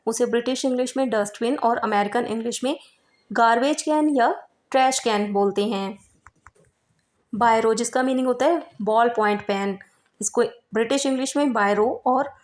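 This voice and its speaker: A woman teaching an English vocabulary lesson who explains word differences, spells words out letter by letter and reads English sentences slowly and carefully. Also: on the high side, a little mellow.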